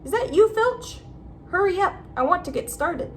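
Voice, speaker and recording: A woman voicing a gruff, fierce but kindly male gamekeeper in a storybook. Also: extremely high pitch, sing-song, normal speed, far from the mic, a little hiss or hum, pitched above the performer's own voice. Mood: impatient. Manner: growling, blunt.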